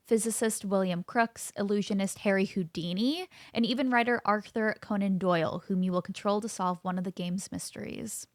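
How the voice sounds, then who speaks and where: A woman's voice: medium pitch, no echo, studio quality. Upbeat woman hosting a game video. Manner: upbeat, self-deprecating about pronunciation. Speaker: gaming streamer. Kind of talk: casual gameplay commentary.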